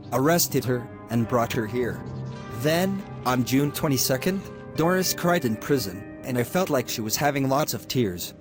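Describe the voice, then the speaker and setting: Fed-up judge guy rambling on about a prisoner, man doing it, cartoon, loud music under him. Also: mid-range voice. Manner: lecturing, exasperated, rambling. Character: stern middle-aged male judge, lecturing and fed up. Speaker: narrator and voice actor of an animation. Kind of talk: homemade animation narration.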